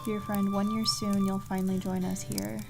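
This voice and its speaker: Here a woman chats casually while streaming a puzzle game, reading clues aloud and musing as she goes, with game music behind her. Her creaky, mid-range voice moves little in pitch and keeps a normal speed.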